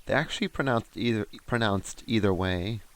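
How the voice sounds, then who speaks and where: A man's voice: on the low side, moderate pace. A man co-hosting a casual webcast chat over a video call, playful and giggly, fond of puns. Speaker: co-host.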